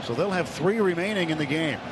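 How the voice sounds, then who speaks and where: A brisk, expressive man with a fairly high-pitched American voice does live radio play-by-play of a baseball game from a stadium broadcast booth. The live ballpark broadcast is noisy.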